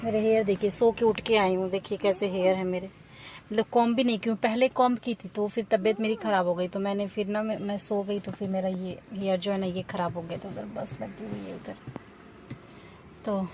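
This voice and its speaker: Speaking fairly quickly at medium pitch, with fairly even intonation and a darkish tone, a family vlogger with an Indian Hindi accent talks straight to her viewers. She's unwell and low-energy, rambling chattily from a car and then a rooftop outdoors. The recording is low quality, with faint background noise.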